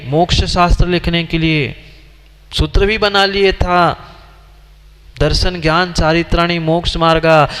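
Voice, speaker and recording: Male Jain monk preacher, fairly high, smooth voice, quizzing the hall, long reverb. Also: fairly bright tone. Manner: questioning, scolding and teaching the audience directly. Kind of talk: sermon.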